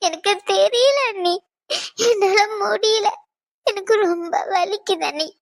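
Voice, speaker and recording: A woman's voice: very high voice, normal speed. A woman voicing a heartbroken young wife in a cartoon, crying as she pleads and confides. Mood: sobbing. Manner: sobbing, pleading confession. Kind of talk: cartoon voice acting.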